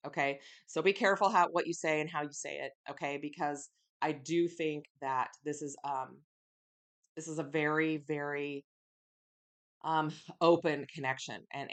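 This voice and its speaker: A woman giving a casual tarot love reading to her viewers, chatty and reassuring, often checking in with "okay?" and "right?". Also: low-pitched. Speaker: tarot reader.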